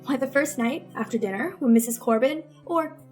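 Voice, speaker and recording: With music playing beneath her, a woman narrates as the lead of an old-time radio suspense melodrama, playing a bitter, scheming teenage girl. Her high voice moves at normal speed and stays close to everyday speech, while her delivery is melodramatic and full of resentment.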